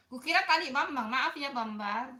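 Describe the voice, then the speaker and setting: Woman, livestream host, high voice, chatty, greets viewers by name. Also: bright, forceful tone. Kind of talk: casual livestream chat with viewers.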